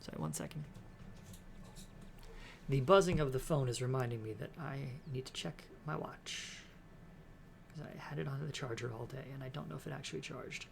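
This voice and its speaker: Creaky-voiced streamer chatting casually. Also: mid-range voice, animated, moderate pace, long pauses, a little hiss or hum. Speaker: streamer reading a game aloud. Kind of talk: casual chat and game read-aloud.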